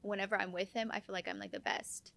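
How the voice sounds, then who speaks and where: A woman's voice: mid-range voice, big pitch swings, quick pace, gravelly, a bit bright, no echo. A woman guest on a podcast, a nurse, talking casually with lots of fillers and restarts. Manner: chatty, many fillers and restarts. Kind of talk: casual conversation.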